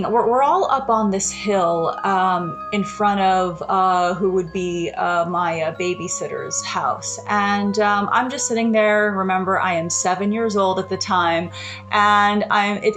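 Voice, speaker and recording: A woman in her thirties or forties hosting a podcast, telling a childhood story in a slow, reflective, meandering way. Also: mid-range voice, fairly bright tone. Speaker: podcast host. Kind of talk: casual storytelling monologue.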